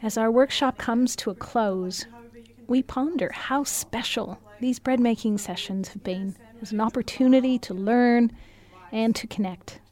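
A woman giving calm, reflective scripted narration. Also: a little high, unhurried.

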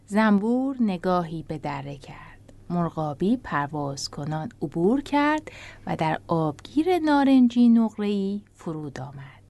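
Expressive woman storybook narrator. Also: on the low side.

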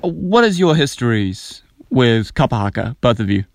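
A man's voice: mid-range voice, big pitch swings, moderate pace, vocal fry. A man with a New Zealand accent, hosting and introducing an interview. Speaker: interviewer and host.

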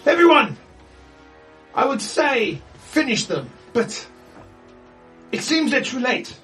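A man with a New Zealand accent voicing a posh, well-to-do guard captain who shouts at his enemies and gloats. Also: very high-pitched, big pitch swings, slow, far from the mic, faint music behind, pitched above the performer's own voice, exaggerated voice. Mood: gloating. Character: posh, haughty male guard captain villain.

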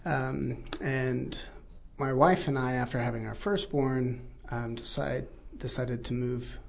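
A gravelly-voiced man talks through printmaking techniques as an interview guest. He explains patiently, filling gaps with ums and uhs. The recording sounds muffled and lo-fi. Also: medium pitch, fairly even intonation, slow. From born in New Zealand, raised in Texas. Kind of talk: casual interview.

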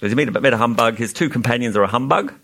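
A man with a New Zealand accent reads a children's book aloud at a festival panel. He keeps breaking off for jokey asides and chuckles at the puns, and his voice jumps up when he does the characters' lines. His pitch sits mid-range for a man. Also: racing, creaky, bright, forceful tone. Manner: jokey, laughs at the puns, acts out lines in a higher voice. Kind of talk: reading aloud with casual asides.

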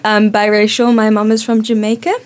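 A woman's voice: mid-range voice, flat delivery, fairly quick. A young woman co-hosting a youth radio show, chatting eagerly and sometimes stumbling over her words. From New Zealand and Samoa. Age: young adult. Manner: enthusiastic, chatty, a few stumbles. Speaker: co-host. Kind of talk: casual radio chat.

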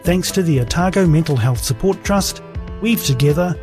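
A man reading a calm, scripted podcast introduction. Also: on the high side. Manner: calm, measured announcer read. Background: soft music.

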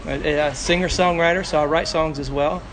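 A man from Arkansas with a hillbilly Southern US accent, a country entertainer chatting casually in an interview, halting and repeating his words, recorded on location at a noisy bar. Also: fairly high pitch, fairly even intonation, a crowd in the background. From Arkansas, United States. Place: bar, on location with street noise. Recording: noisy outdoor bar, traffic behind.

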